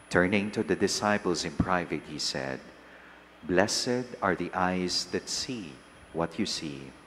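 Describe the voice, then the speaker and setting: A man with a Filipino accent, a priest reading the gospel and preaching at Mass in slow, measured phrases, his voice ringing with cathedral echo. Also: low voice, animated, a bit bright. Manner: slow, measured delivery with long pauses. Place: large church. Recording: long church reverb, faint hiss.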